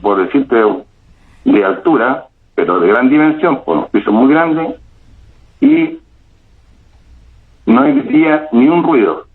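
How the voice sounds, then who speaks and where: A man's voice: medium pitch, very animated, breathy edge. Middle-aged Chilean man on a tinny phone line. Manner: halting, repeats himself, many restarts. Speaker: caller telling a paranormal experience. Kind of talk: first-person storytelling.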